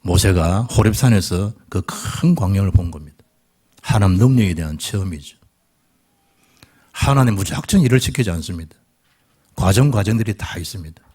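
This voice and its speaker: A man's voice: sits low, expressive, moderate pace, pauses often, darkish tone, husky. A middle-aged male pastor preaches a sermon, acting out the quoted voices of biblical figures.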